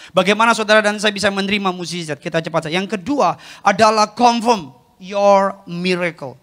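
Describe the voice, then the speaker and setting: A man's voice: high voice, a bit bright. A middle-aged male pastor preaching a humorous sermon in a church, joking and acting out the voices of his congregants. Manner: jokey, acts out congregants' voices.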